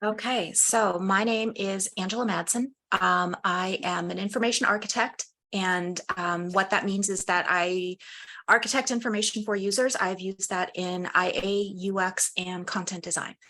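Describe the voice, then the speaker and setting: A woman's voice: mid-range voice, moderate pace, pushed and bright. A woman introducing herself as the presenter on a video call in a plain, matter-of-fact way. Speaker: presenter, information architect. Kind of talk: self-introduction in a talk.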